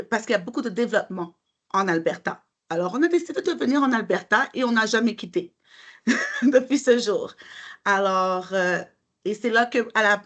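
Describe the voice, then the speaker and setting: A woman's voice: mid-range voice, a bit bright. A woman from Montreal with a Quebec French accent, answering interview questions as a mortgage broker, friendly and hesitant with many fillers.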